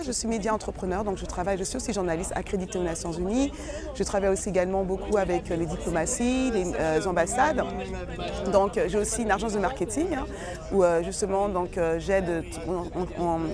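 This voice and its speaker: A woman's voice: mid-range voice, brisk, over music. A woman from French Guiana, a media entrepreneur, answering interview questions at a festival with frequent hesitations. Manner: fluent, many fillers. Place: outdoors at a busy festival. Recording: crowd noise outdoors.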